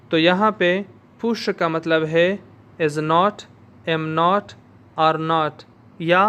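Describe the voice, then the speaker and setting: Slow, clear-voiced male language teacher. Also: on the high side, fairly bright tone. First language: Urdu. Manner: slow, careful word-by-word pronunciation drills. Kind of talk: slow spoken lesson with repeat-after-me drills.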